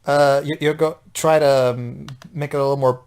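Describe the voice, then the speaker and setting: A woman's voice: rumbling low, steady tone, normal speed, clean tone. A woman hosting a video game playthrough with casual, explanatory commentary. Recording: loud game music behind.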